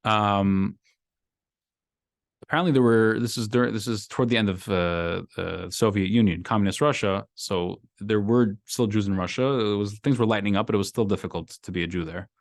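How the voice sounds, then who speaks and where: Gravelly and fairly low-pitched, a rabbi from Brooklyn, USA talks a little fast as he leads his casual weekly Torah class. His style is animated, with repeated phrases and emphatic rising lines, captured by a microphone in class with clean studio sound and no room echo.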